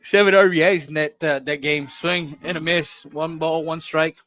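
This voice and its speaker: A man doing play-by-play commentary for a local softball game, calling pitches and reading sponsor spots with plain fillers. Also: fairly even intonation, normal speed, dry recording. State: coughing fits. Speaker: play-by-play announcer.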